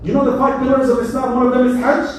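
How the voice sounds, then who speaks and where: A man preaching as an imam in a mosque, animated and joking as he speaks. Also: extremely high pitch, fast talker, slight background noise. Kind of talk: mosque sermon. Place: mosque hall. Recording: echoey hall, mic from far.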